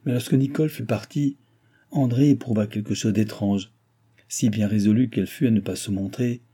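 A male audiobook reader tells a classic novel in a measured, expressive way. His voice is deep-set and very dark, with a husky, slightly rough grain. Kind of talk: literary audiobook narration.

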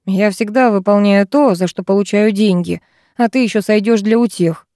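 A woman's voice: medium pitch, moderate pace, warm tone, no echo, studio quality, lightly acted. A woman voicing a crude, brutal male kidnapper who snarls lewd threats, in a storybook reading. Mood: menacing.

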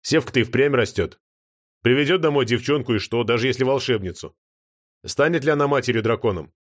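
A man's voice: medium pitch, brisk, lightly acted. A man voicing a worried, earnest dragon father with a gloomy manner.

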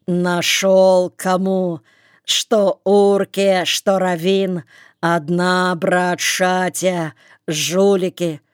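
A woman voicing a blunt, hoarse, scornful old male weaver in an audiobook. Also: lowish voice, flat delivery, extremely slow, no room sound, studio quality.

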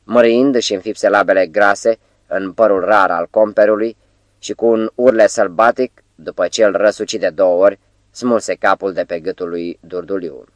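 A man reads an audiobook in a measured, dramatic storytelling manner. His voice is on the low side. The recording is dry and close, with no room sound. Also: fairly even intonation, no echo. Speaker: audiobook narrator. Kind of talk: scripted audiobook narration.

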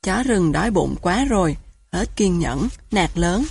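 A woman reading a story aloud in a gentle storytelling manner, lightly voicing the characters. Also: lowish voice, lively intonation, a little slow, gravelly, breathy edge, no echo. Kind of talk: audiobook narration.

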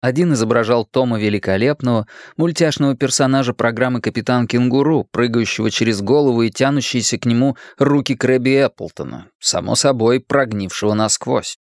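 A man's voice: medium pitch, brisk, hardly any pauses, no room sound. Male audiobook narrator, dry studio read. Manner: reads character lines in raised, stammering voices. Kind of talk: scripted narration.

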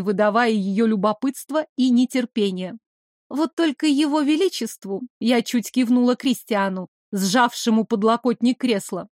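A woman reading a fantasy novel aloud in a steady, expressive first-person narration. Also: fairly high pitch, no room sound, studio quality. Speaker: audiobook narrator. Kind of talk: scripted narration.

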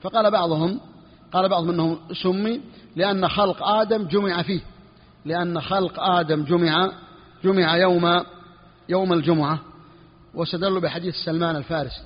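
Man teaching a fiqh lesson, fast talk, repeats phrases, dull lo-fi sound, long reverb. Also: sits high, fairly even intonation. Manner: repeats each phrase slowly for students; clears his throat now and then. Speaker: sheikh teaching Hanbali jurisprudence. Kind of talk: classroom lesson on a fiqh text.

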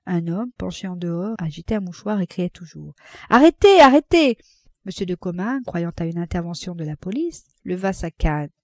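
A woman reading a classic novel aloud as an audiobook, in a measured narrating voice. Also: no echo, clean studio sound. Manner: measured, voices characters with raised pitch and loudness. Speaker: audiobook reader.

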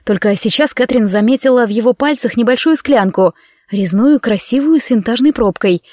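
A woman narrating a romance audiobook in an expressive storytelling manner. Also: a little high, moderate pace, no echo, clean studio sound.

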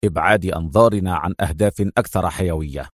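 A man's voice: fast, dry recording, studio quality. A man voicing a composed secret agent who speaks firmly and with restraint, in an audiobook. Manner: firm, low, restrained. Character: firm, composed male secret agent hero. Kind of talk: audiobook character voice.

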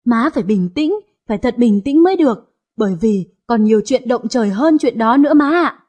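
A woman doing a shrewd, calm youngest daughter. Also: a little high, fairly quick, husky. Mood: gentle. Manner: calm, probing.

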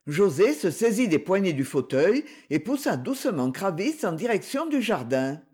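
An audiobook narrator reading a novel aloud in an even storytelling manner. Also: mid-range voice, normal speed, husky. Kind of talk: scripted narration.

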